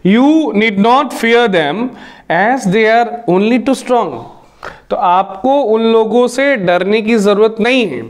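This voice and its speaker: High-voiced man teaching English grammar. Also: darkish tone. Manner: explains step by step, asks the class questions and answers them; reads English example sentences slowly, word by word. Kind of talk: Hindi-medium grammar lecture.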